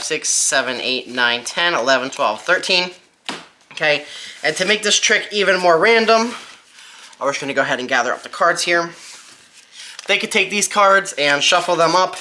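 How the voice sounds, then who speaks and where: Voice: medium pitch, pushed and bright, a little hiss or hum. A presenter giving a casual, step-by-step magic tutorial, informally thinking aloud while demonstrating by hand.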